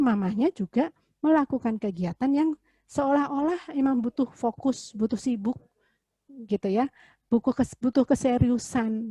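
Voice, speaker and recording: A woman's voice: fairly high pitch, mellow, husky, dry recording. A woman, a psychologist giving a casual webinar talk to parents, explaining with everyday examples and rhetorical questions over a video call. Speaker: child psychologist presenter.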